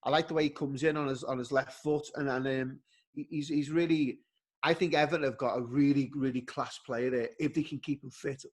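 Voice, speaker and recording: A man's voice: medium pitch, steady tone, brisk. A man co-hosting a football podcast in casual chat, often restarting and repeating words. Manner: hesitant starts and repeated words. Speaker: podcast co-host.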